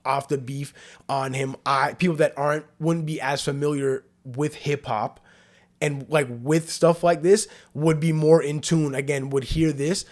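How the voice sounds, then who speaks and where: A man's voice: a little high, steady tone, a little slow, darkish tone. Laid-back young guy talking slang. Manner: laid-back, filler-heavy, loose slang. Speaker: podcast host. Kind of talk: casual chat.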